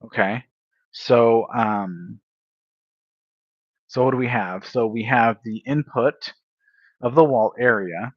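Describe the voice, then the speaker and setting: A man livestreaming a casual coding study session, thinking aloud, correcting himself and filling pauses as he works through examples. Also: medium pitch, no echo, muffled recording. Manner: unhurried, thinks aloud, self-correcting with fillers.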